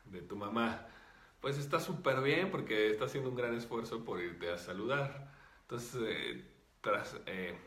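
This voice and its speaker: A man, a spiritual teacher calmly explaining and answering viewer comments. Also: lowish voice, reverberant. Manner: calm, explanatory, with many fillers.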